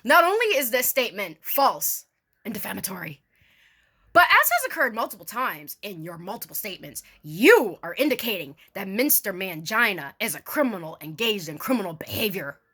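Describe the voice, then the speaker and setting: Husky and mid-range, this woman's voice is very animated, bright and forceful as she moves at a moderate pace. She's a video creator doing a theatrical, mock-formal dramatic reading peppered with sarcastic, casual swearing asides.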